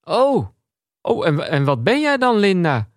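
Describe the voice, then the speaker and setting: A man voicing a shy, lonely gentleman in a comic bedtime story, who stammers and repeats his words. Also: mid-range voice, very animated, unhurried, dry recording, clean studio sound. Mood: startled, stammering.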